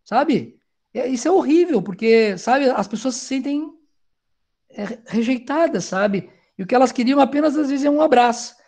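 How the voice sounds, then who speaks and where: Loud high-voiced middle-aged man. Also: normal speed. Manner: loud, animated, talks of speaking loudly. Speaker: family counselor. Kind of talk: talk to parents.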